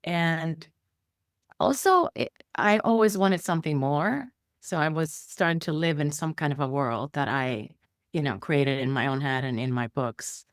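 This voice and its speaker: In studio-quality audio free of echo, a middle-aged Icelandic guest recounts her life story conversationally during an interview, wandering with plenty of fillers and restarts. She speaks in a low voice, a little slowly.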